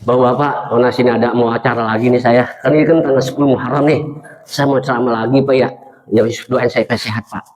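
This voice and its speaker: A man preaching a dawn sermon, joking with the congregation and swinging between excited high tones and sad low ones. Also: fast, rough recording. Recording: live crowd heard around the voice. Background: crowd.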